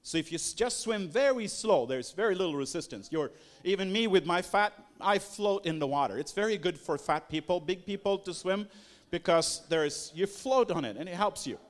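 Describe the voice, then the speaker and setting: A man's voice: sits high, lively intonation, normal speed. A man giving a sermon-style teaching, talking in an emphatic, rhetorical way with lots of repetition. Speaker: preacher.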